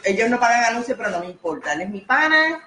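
A woman hosting a casual radio chat, teasing her guests with quick asides and joking apologies. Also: fairly high pitch, big pitch swings, pushed and bright. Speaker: radio host. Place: station kitchen. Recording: roomy echo, faint background noise.

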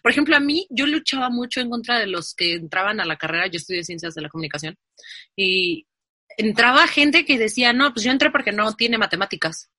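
Bright, dry-sounding Mexican woman. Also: on the high side, a little fast, no room sound. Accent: Mexican Spanish. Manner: laughs often, emphatic. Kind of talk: casual chat.

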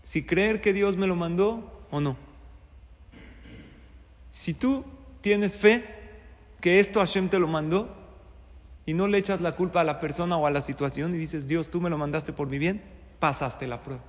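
A man teaches a Torah-based lesson on life's tests, pressing each point with rhetorical questions and repeated phrases. His voice sits a little high for a man. The recording carries a long, ringing reverb. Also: unhurried, pauses often. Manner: poses rhetorical questions, emphatic repetition. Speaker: religious teacher. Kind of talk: Torah-based moral talk.

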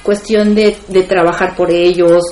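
A woman's voice: on the low side, little pitch movement, measured pace, over music. A woman talking frankly and reflectively in a casual conversation, with wry humor. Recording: echoey room.

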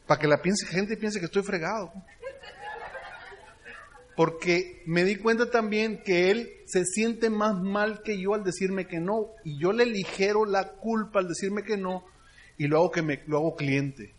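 High-voiced Mexican man giving a seminar. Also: unhurried, a little hiss or hum. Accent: Mexican Spanish. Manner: storytelling that keeps checking in with the audience. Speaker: business leadership speaker. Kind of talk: motivational seminar talk.

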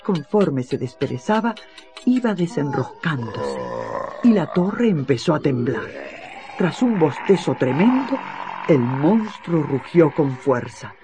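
An expressive storybook narrator reading a fairy tale with a lively, rising and falling voice. Soft music plays quietly underneath. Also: mid-range voice, takes it slowly.

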